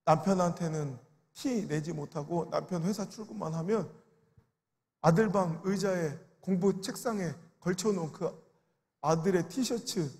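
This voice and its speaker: A man's voice: fairly high pitch, a little mellow. A man preaching an emotional revival sermon as a pastor, telling stories and acting out the voices of grieving people. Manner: storytelling, acts out quoted voices with sobbing cries. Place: large prayer retreat sanctuary. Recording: reverberant large worship hall.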